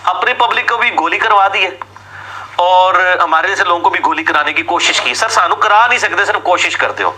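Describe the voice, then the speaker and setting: A man's voice: high voice, animated, sharp tone, a little hiss or hum, poor audio. A man giving an argumentative religious talk, asking sarcastic rhetorical questions and mimicking his opponents. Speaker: religious lecturer.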